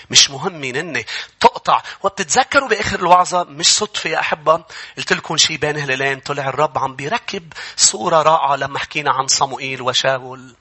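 A male pastor with a Lebanese Arabic accent, preaching a sermon in church and building up to shouted emphasis. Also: mid-range voice, husky.

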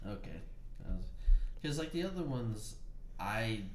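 A man's voice: mid-range voice, big pitch swings, a little slow, echoey room, a little hiss or hum. A young man co-hosting a podcast who chats casually, teases his friends and swears. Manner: swears, teasing. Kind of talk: casual gaming chat.

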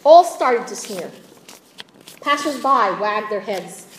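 A woman preaching a sermon, shifting between dramatic swells and quiet, chatty asides to her listeners. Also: medium pitch, expressive, slow, echoey room, slight background noise, poor audio. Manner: dramatic swings in volume with conversational asides.

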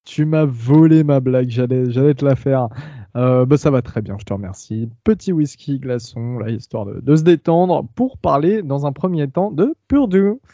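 Man, podcast host, casual chat, hesitant with fillers, very warm dark voice, dry dull sound. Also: mid-range voice, normal speed, no room sound. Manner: hesitant, many fillers and restarts.

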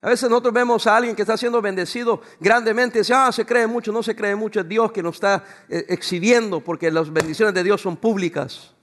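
A male pastor preaching a sermon, pausing for the congregation to finish his lines. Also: sits high, steady tone. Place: church before a congregation.

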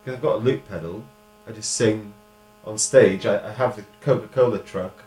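A podcast co-host and poet chats casually, laughs often, and reads one of his own rhymed poems aloud. His voice is on the low side and a little mellow, at a normal pace, with a roomy sound and faint music in the background.

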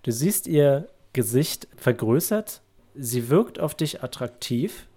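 A man narrating calmly and descriptively as game master of a tabletop game. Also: medium pitch, takes it slowly.

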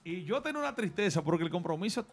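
Dominican guy on a radio show telling his story, high voice, faint music behind. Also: very animated, rapid-fire. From Dominican Republic. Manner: earnest, reflective, gives life advice. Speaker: studio guest. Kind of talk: personal storytelling in a radio interview.

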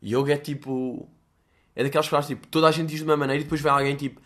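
A man's voice: a little high, little pitch movement, fast, a bit bright. A young man with a European Portuguese accent, hosting a casual solo podcast in a rambling, self-mocking way with plenty of swearing. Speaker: podcast host.

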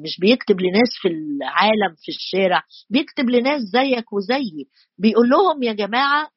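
A woman's voice: medium pitch, husky, dry recording, muffled recording. A woman with an Egyptian Arabic accent preaching a sermon in an earnest teaching tone, quoting scripture with emphasis.

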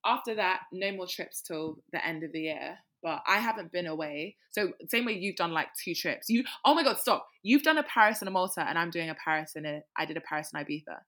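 A woman's voice: fairly low pitch, animated, a little fast, few pauses, fairly bright tone. A British woman hosting a casual podcast, chatting in a slangy, emphatic way. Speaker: podcast host. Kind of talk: casual chat.

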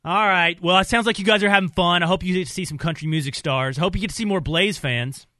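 A man with a high, bright, pushed voice talks quickly on a radio talk show, with no room sound audible. He jokes and banters with studio guests, calling himself a country snob.

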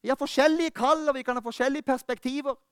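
High-voiced fervent preacher. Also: male voice, fairly even intonation, no room sound, clean studio sound. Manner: fervent preaching that drops to quiet, intimate talk. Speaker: pastor. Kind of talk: sermon. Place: church.

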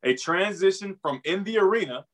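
A man with a moderately high voice hosts a sports interview. He keeps it casual and informal, affirming his guest and repeating short phrases for emphasis. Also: lively intonation, fairly quick. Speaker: podcast host.

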